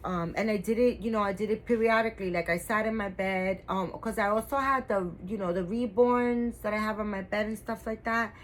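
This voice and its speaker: A woman's voice: mid-range voice, brisk, few pauses, slight background noise, low-quality recording. A woman in her fifties, a doll-collecting vlogger, chatting casually to her viewers in a rambling way, full of fillers and restarts. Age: 50s.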